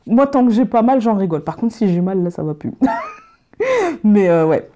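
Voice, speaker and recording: A woman's voice: mid-range voice, sing-song, normal speed, mellow. A woman from Picardy with a light Picard accent, chatting to camera in a tag video, self-mocking and laughing often between fillers and restarts. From Picardy, France. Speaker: YouTuber doing a tag video. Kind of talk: casual chat to camera.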